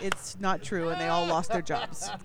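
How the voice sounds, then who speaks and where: A woman's voice: on the low side, fairly even intonation, moderate pace, over a noisy crowd. A woman in casual comedy podcast banter, giggling and sounding incredulous.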